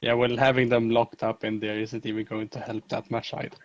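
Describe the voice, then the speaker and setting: A man's voice: fairly low pitch, little pitch movement, a little fast, no room sound. A man playing a tabletop game, with dry, joking remarks. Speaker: player. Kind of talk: casual tabletop play.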